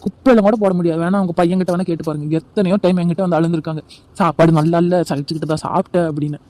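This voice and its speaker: A man voicing a sharp-tongued young daughter-in-law in an amateur cartoon, speaking scornfully and defensively. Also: fairly high pitch, fairly even intonation, very fast, lightly acted.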